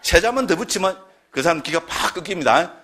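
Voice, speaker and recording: A man teaching a Buddhist scripture class in a fairly high voice. He talks emphatically and keeps tossing short tag questions at his listeners to check they follow. His delivery is lively and direct. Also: a little fast. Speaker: Buddhist lecturer.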